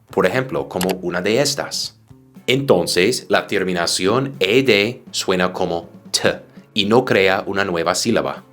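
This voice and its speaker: Give me a low-voiced male teacher who speaks slowly and models each word with care. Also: fairly bright tone. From United States. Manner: slow, careful modeling of English words. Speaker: English teacher. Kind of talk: teaching English pronunciation in Spanish.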